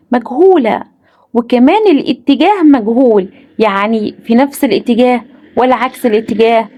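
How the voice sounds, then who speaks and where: Fast-talking Egyptian woman teaching science. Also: on the high side, a little mellow. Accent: Egyptian Arabic. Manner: asks and answers her own questions. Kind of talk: exam-prep lesson.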